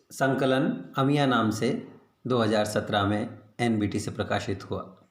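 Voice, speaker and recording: A man reading aloud his own children's story in an unhurried, expressive way, recorded with a roomy echo. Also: medium pitch.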